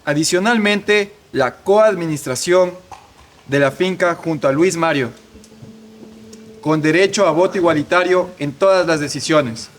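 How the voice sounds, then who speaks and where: An actor playing a notary who reads out a will in a formal, measured way. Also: male voice, on the high side, slight background noise, lightly acted. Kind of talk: telenovela-style film acting.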